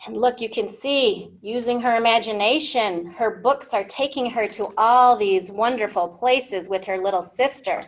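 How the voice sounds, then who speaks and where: A children's librarian in her thirties reads a picture book to young learners in an indoor library room, expressive and mixing in simple questions and explanations. Her fairly high voice keeps a moderate pace with hardly any pauses, over poor audio.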